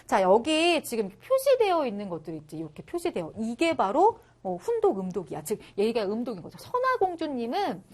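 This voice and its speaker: A woman teacher giving an online lesson to middle schoolers, with a fairly high voice that rises and falls a lot. She explains each point step by step and keeps checking that the students are with her. She sounds encouraging toward them. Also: wildly swooping pitch, a little fast, hardly any pauses, darkish tone.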